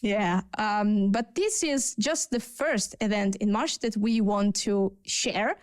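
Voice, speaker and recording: A woman's voice: medium pitch, slow pace, smooth, no room sound. Italian-accented woman co-hosting a chat. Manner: chatty, searching for words, laughs often. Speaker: podcast co-host. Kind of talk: casual panel chat.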